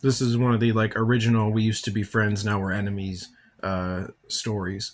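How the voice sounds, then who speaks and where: A man with a fairly low voice hosts a podcast and talks through a movie in loose, casual commentary. He sounds tired and rambles, thinking aloud as he goes. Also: little pitch movement, moderate pace. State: tired, yawning. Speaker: podcast host.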